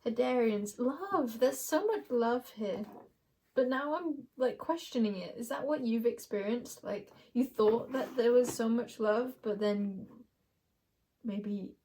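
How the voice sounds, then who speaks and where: A young woman does an intuitive tarot card reading for her viewers, musing aloud, giggling often, and addressing them as "you guys." Her voice is on the high side with a dark tone, she takes her time, and there's slight background noise.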